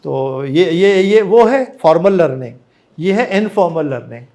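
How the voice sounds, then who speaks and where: A man with a Pakistani accent coaching a class in a noticeably high voice. He gives encouraging feedback and slips English phrases into his Hindi-Urdu. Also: expressive, measured pace, warm tone. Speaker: trainer.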